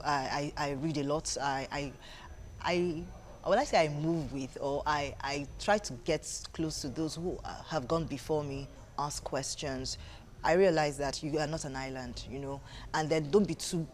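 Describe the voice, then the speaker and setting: A woman with a Nigerian accent, a stage play director, appears as a guest in a conversational interview and repeats phrases earnestly for emphasis. Her voice is low and unhurried, with a slight hiss or hum.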